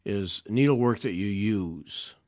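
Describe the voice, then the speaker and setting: A man hosting a casual interview, talking in a relaxed, halting way with frequent restarts. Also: lowish voice, no echo.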